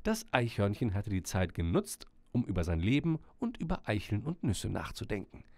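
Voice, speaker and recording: Man, storybook narrator, gentle, lively intonation, dry close sound. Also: on the low side, moderate pace, creaky, no echo.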